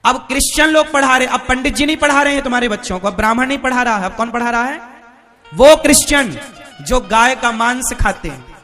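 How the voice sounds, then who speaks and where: A man's voice: very high-pitched, lively intonation, fairly quick, pushed and bright, faint music behind. A man preaching a devotional sermon to a live audience, who keeps asking his listeners rhetorical questions. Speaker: religious preacher.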